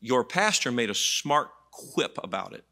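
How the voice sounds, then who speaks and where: A man's voice: mid-range voice, sing-song, unhurried, creaky, pushed and bright. A man pastor preaching a folksy, emphatic sermon, often repeating words as he builds his point.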